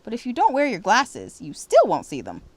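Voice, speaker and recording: A woman's voice: a little high, huge pitch swings, no echo, voice pushed up. A woman voicing sassy young girl dancer. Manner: quick comebacks.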